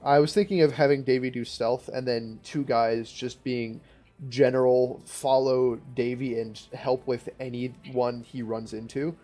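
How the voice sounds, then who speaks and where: A young man plays in a tabletop game over voice chat, easygoing and quick to laugh. His sentences trail off as he thinks. Faint music hums behind him. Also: medium pitch. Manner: relaxed, laughs often, trailing phrases. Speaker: player. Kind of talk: casual play over voice chat.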